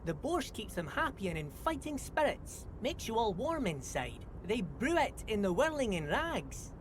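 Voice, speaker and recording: A kindly, simple-minded old dockside handyman rambles eagerly in folksy grammar. His voice swoops up and down a lot. A clear hiss of noise sits under the game audio. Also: high-pitched, sing-song, normal speed. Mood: cheerful. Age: older. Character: kindly simple older male dock handyman. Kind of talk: video game voice acting.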